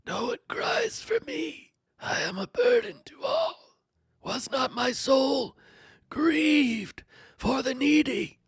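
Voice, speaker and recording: A woman's voice: high voice, very animated, slow, husky, dry recording, exaggerated voice. A woman voicing the suffering old man Job, tearful and pleading, dramatically reading his lament with whispers and cries. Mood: anguished. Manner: anguished pleading, dramatic swings.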